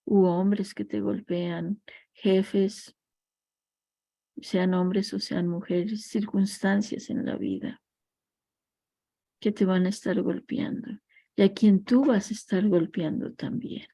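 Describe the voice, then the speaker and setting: A woman's voice: medium pitch, fairly even intonation, takes it slowly, creaky, pauses often, mellow, dry recording. A woman teaching a class on family constellations, speaking reflectively and weaving in parables and personal stories. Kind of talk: recorded class lecture.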